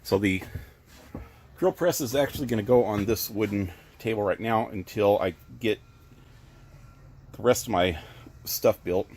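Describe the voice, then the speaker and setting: This hobby woodworker's handheld-camera tour of his tiny outdoor shop, at an RV park among trees, is casual and wandering, full of ums and self-corrections. His fairly low, darkish voice moves a little slowly with frequent pauses, and he sounds slightly winded. Slight background noise is audible.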